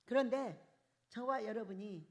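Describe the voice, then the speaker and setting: An older woman pastor preaching a charismatic sermon, asking the congregation questions and swinging from loud bursts to soft, quiet lines. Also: fairly high pitch, measured pace. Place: church hall.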